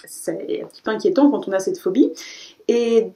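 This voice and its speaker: A woman chatting casually as she reviews a haul of new books, correcting herself often and filling pauses with "euh". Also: medium pitch, lively intonation, mellow. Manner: chatty, self-correcting, frequent "euh" fillers. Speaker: book vlogger.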